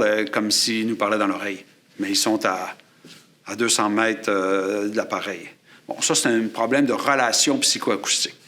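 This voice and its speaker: A man teaching a class, explaining and demonstrating microphones at a studio table with a boom-mounted shotgun mic above him. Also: fairly bright tone. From Quebec. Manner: explanatory, demonstrating gear while talking. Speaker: photography and sound instructor. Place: studio table set up for filming. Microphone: shotgun mic on a boom above, aimed at his chest.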